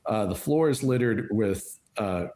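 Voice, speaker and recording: A man's voice: fairly low pitch, animated, a little slow, mellow. A man running a tabletop role-playing game as game master, explaining rules and describing scenes patiently with many fillers and restarts.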